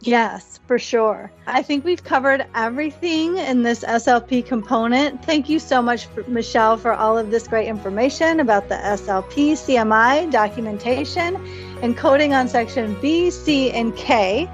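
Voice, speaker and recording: A woman's voice: on the high side, normal speed, soft background music. A woman hosting a scripted educational podcast interview in a formal, explanatory manner. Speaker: podcast host. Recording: dull, lo-fi podcast audio.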